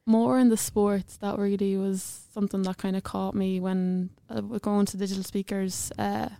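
Young irish midlands girl chatting in an interview, soft mellow voice, pretty flat, dry close sound. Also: medium pitch, normal speed, vocal fry, clear, resonant tone, dry recording. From Ireland, County Offaly. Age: young adult. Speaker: student podcast guest. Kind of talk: casual interview chat.

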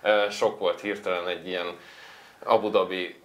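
Low-voiced man reviewing his own mistakes. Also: flat delivery, fairly bright tone. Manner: candid, self-critical. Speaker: guest, racing driver. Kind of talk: casual interview.

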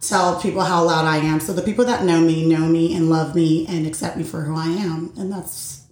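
A woman's voice: sits low, brisk. Earnest woman in an echoey room. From Puerto Rico. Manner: earnest, expressive, acts out quoted voices. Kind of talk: candid group conversation.

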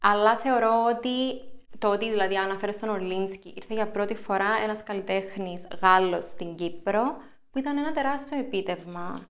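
A woman's voice: mid-range voice, a bit bright. Cypriot Greek-accented woman, mixing in English. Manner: mixes English phrases into speech. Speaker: interview guest, company founder. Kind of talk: conversational interview answers.

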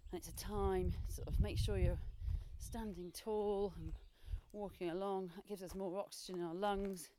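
A woman talking while jogging and walking briskly outdoors, giving chatty, encouraging coaching as a running podcast host. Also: mid-range voice, fairly even intonation. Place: outdoors on hilly paths and forest. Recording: faint outdoor noise and birdsong. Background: outdoor noise, birdsong.

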